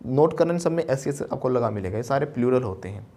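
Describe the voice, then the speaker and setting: Guy teaching english to a classroom, lively, keeps quizzing students. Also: mid-range voice, fast. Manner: lively, questioning the class, switches between Hindi and English. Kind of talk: classroom lesson.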